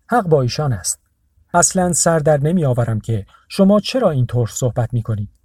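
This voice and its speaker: A man's voice: on the high side, lively intonation, dark tone, husky, dry recording, clean studio sound. Man reading a defiant carefree artist. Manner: stubborn and carefree.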